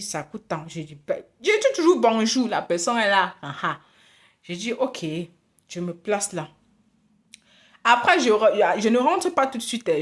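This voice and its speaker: A woman vlogger telling a story in a casual, indignant rant, full of restarts and repetition. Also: mid-range voice. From Africa.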